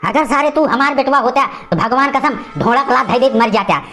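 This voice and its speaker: A woman voicing an angry old male village uncle in an animated cartoon comedy, ranting and scolding in an Awadhi accent. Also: high-pitched, a little fast. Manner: loud scolding, cursing rant.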